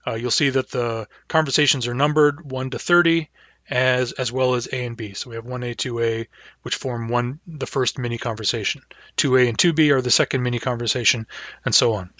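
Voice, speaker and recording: A man teaching a language class online, talking in a halting way with frequent fillers. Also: mid-range voice, steady tone, sharp tone, dry recording.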